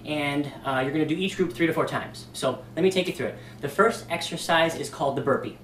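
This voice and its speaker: A man walks through workout exercises like a casual fitness instructor, with lots of ums and a slightly out-of-breath sound. His voice sits a bit high. The camera mic is some way off, so the room echoes around him. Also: a little fast, fairly bright tone, recorded from a distance, a little hiss or hum. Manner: casual, demonstrating moves with many ums. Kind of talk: workout demonstration.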